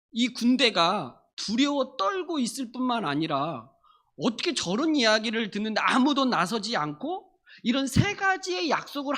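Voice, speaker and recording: Brief: bright, animated pastor preaching a Sunday sermon; emphatic, repeats lines for weight. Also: sits high. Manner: emphatic, repeats and restates phrases. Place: church service.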